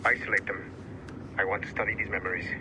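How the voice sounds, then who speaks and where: Game role: commanding security man by an actor, authoritative and clipped, lowish voice, noisy sound. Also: steady tone, quick pace, close to an everyday voice. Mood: cold, commanding. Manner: curt, formal, authoritative. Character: stern, commanding male security chief. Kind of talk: video game acting.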